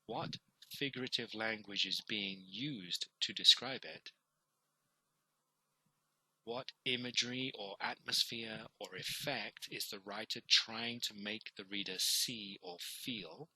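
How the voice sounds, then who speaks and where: Man teacher with a husky, bright voice. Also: on the low side, takes it slowly, rough recording. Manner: explains step by step, with fillers and repeated words. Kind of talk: recorded online lesson.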